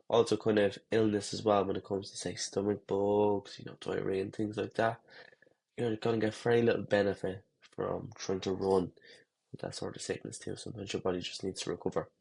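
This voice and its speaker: On poor audio, a man with a low, congested, slightly husky voice from a head cold coaches runners. His talk to camera is relaxed and rambling, with frequent fillers and restarts.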